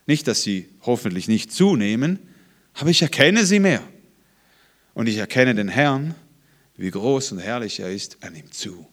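A man preaching a sermon, swinging from loud emphatic lines to hushed, low passages.

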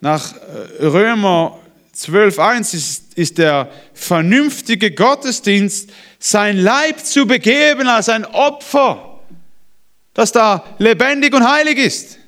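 A man preaching a sermon, swinging from loud emphatic lines to hushed, low passages. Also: animated, takes it slowly.

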